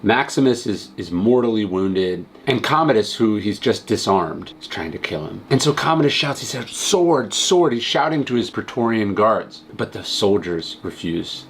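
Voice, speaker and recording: A man's voice: lowish voice, animated, normal speed, few pauses, a little hiss or hum. A man giving a casual but earnest commentary on philosophy and a film, repeating words and building to emphatic points. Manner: earnest, emphatic, rising intensity on key points; verbal restarts, conversational. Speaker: host.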